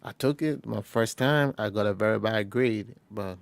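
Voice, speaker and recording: A young man from Liberia speaks in a low, gravelly voice, recorded close in a dry, quiet space. He tells his story haltingly, restarting phrases and acting out short exchanges. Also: no echo. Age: young adult. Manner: halting, with frequent restarts and quoted dialogue. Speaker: interviewee, first-year college student. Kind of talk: personal storytelling interview.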